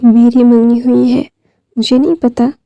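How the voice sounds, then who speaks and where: A woman voicing a young man, a doting fiancé who talks in a soft, coaxing way. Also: a little high, level tone, a little slow, creaky, dry recording, lo-fi sound.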